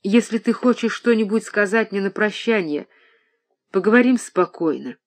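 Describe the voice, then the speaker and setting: A reader voicing a young daughter in an audiobook, speaking quietly, tenderly and firmly. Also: mid-range voice, animated, moderate pace, lightly acted. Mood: pleading. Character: young daughter, calm, gentle and resolute. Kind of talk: audiobook reading.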